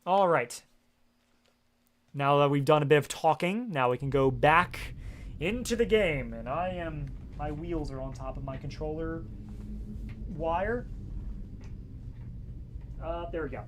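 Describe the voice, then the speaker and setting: A man's voice: fairly high pitch, lively intonation, measured pace, long pauses, a little hiss or hum. Rambling, swearing male game streamer. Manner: rambling, swears often, lots of fillers. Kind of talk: casual livestream chat. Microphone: gaming headset.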